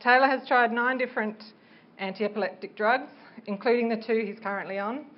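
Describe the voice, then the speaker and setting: A woman's voice: on the high side, brisk. A middle-aged woman giving a prepared public speech as a parent campaigner, speaking earnestly and carefully like a reluctant speaker. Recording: dull, noisy live speech recording.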